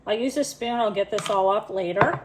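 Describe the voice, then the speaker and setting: A woman's voice: medium pitch, brisk, noisy background. A woman chatting and giggling through a casual home kitchen cooking demo, a bit self-deprecating.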